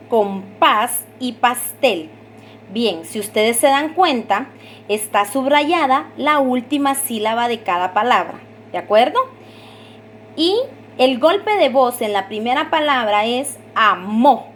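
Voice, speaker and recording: A high-pitched woman teaches at an unhurried pace, laying out each rule with patience and pausing on example words. A faint hum of noise sits under her voice. She often checks in with her students and asks them to say the rules back. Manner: stretches out example words slowly. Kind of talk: recorded Spanish grammar lesson.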